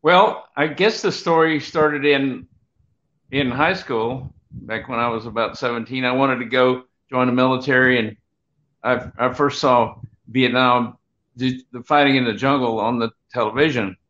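A man's voice: medium pitch, a bit bright. Older man rambling through a grandpa story. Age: 70s. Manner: halting, unhurried, digressive. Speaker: guest, Vietnam veteran. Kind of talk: rambling grandpa-style storytelling, personal war reminiscence. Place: home room, on a video call. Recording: dull, lo-fi video call audio.

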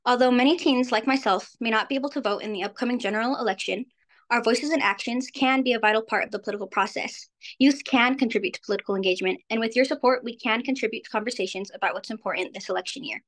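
A seventeen-year-old girl from New Mexico, USA, delivers an earnest prepared speech as a youth speaker on a video call. Her voice is fairly high and she talks fast, captured by a webcam indoors against a virtual background.

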